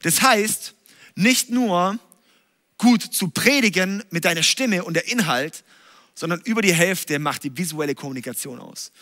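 Energetic man, preacher teaching, high bright voice, long hall reverb, emphatic, tag questions. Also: measured pace. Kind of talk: livestreamed teaching talk. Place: stage in a church hall.

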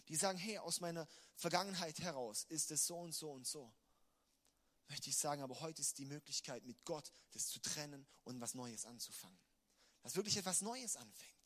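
Male preacher, high bright tone, emphatic sermon delivery with big swings in loudness. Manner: emphatic, swings from quiet to loud passages.

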